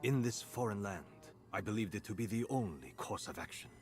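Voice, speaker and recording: An actor playing a dry, laid-back middle-aged detective in a video game. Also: male voice, on the low side, lively intonation, fairly quick, soft background music, close to an everyday voice. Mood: wry. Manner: dry, wry humor. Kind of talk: game voice acting.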